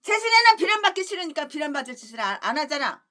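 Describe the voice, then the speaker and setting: High, sharp-voiced scolding woman preacher. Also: very animated, quick pace. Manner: scolding, swings between loud rhetorical questions and low muttered insults; repeats phrases for emphasis. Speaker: pastor. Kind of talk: expository sermon.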